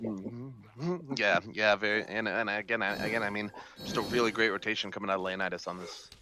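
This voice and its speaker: A man's voice: on the low side, fairly quick, background noise. A man doing casual esports play-by-play commentary, rambling with fillers and restarts. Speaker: esports caster. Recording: music bed behind voice. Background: game music.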